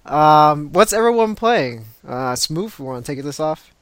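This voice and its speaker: A man's voice: a little high, lively intonation, a little slow, a bit bright, smooth, no room sound. Upbeat male podcast host, dry sound. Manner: upbeat, laughs often, loose with fillers. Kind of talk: casual podcast chat.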